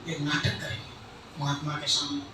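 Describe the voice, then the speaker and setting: A man's voice: a little high, monotone, moderate pace, noisy background, voice pushed down, lightly acted. A man voicing a stingy old husband who plots in a coaxing, conspiratorial way, heard from a distant mic in an echoey hall. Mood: scheming.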